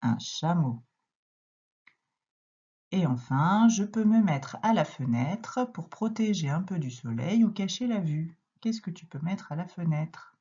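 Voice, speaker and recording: A woman gives a reading lesson to young children, taking her time and sounding out each letter and syllable. Her voice is low and warm, a little husky, and moves up and down a lot as she talks. The recording sounds dull and lo-fi. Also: lively intonation, a little slow. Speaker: primary school teacher.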